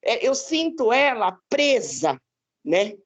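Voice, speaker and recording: A woman from Brazil tells a personal story to her Bible class in a chatty, conversational way, often ending with tag questions. Her voice is high. It rises and falls in a lively way. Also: takes it slowly, breathy edge. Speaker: class participant.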